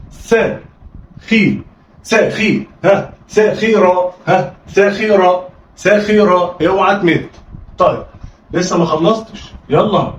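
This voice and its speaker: High-voiced Egyptian teacher drilling young readers. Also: male voice. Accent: Egyptian Arabic. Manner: coaxing, call-and-response drilling with frequent "ha?" prompts. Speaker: Arabic reading teacher. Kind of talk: children's reading lesson. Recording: roomy, distant, slightly dull audio.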